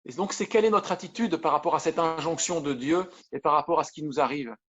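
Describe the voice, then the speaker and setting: Over video, a pastor delivers a sermon in a fairly high, earnest, searching voice, often restarting phrases while reading testimony aloud. He speaks fast with a slightly bright edge, though the audio sounds dull and muffled.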